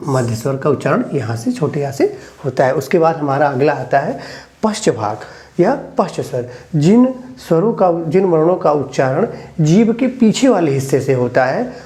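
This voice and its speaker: A man's voice: a little high, darkish tone, a little hiss or hum. A male teacher giving a grammar lesson, explaining step by step, repeating phrases and asking questions as he goes. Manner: slow, repetitive, explains step by step with pauses and questions. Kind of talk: spoken Hindi grammar lesson.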